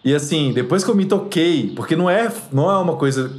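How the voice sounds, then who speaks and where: A man with a Brazilian accent, a guest creator in a casual podcast chat, animated and laughing as he tells stories. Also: on the high side, fast, slight background noise.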